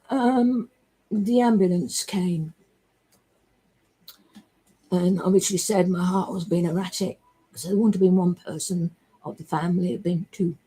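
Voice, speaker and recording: Brief: woman, husky, unhurried, emotional and rambling, salty language. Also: fairly low pitch, warm tone. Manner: emotional, rambling, swears freely. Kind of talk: rambling personal monologue.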